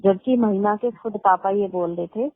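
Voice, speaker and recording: A woman's voice: medium pitch, normal speed, no echo. Indignant woman on a tinny phone line. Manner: emphatic, indignant, talks at length. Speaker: caller. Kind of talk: phone conversation.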